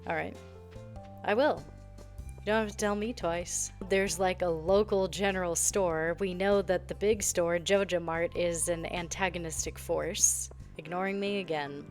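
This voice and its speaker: A woman's voice: on the low side, fairly even intonation, unhurried, faint music behind. A young woman giving casual, sarcastic commentary while she plays a game, often sounding exasperated. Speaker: gaming video creator.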